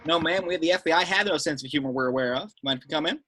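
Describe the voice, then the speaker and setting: A man reading the part of a dry, no-nonsense seasoned government agent at an amateur table read, clipped and deadpan. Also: on the high side, very fast, crowd noise, lightly acted. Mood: deadpan, official.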